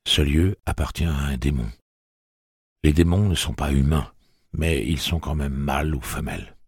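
A man voicing a stern, very deep gunslinger. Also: moderate pace, vocal fry, slightly rough, no echo, studio quality, heavily acted. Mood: calm. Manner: calm, commanding.

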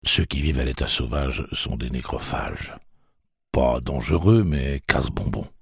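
A man voicing a calm, weathered adult gunslinger who speaks in a knowing way. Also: a bass voice, measured pace, creaky, husky, dry recording, studio quality, exaggerated voice.

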